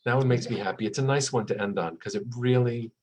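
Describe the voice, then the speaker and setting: A fast-talking man with a medium-pitched voice, a rabbi and author in his forties, speaks in a conversational interview. He shares stories warmly, dramatizing the quotes of the people involved.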